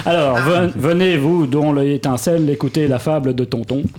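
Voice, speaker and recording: A man's voice: a little high, measured pace, noisy background. A man telling a comic story as a columnist on a radio show, mock-solemn and prone to giggling.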